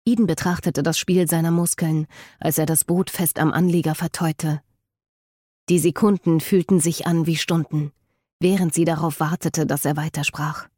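A woman narrating a novel in a steady, measured audiobook reading. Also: deep voice, no echo, clean studio sound. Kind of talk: scripted narration.

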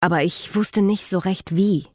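A woman reading the lines of a hesitant, evasive teenage boy in an audiobook, halting and stammering. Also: medium pitch, steady tone, mellow, close to an everyday voice. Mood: subdued.

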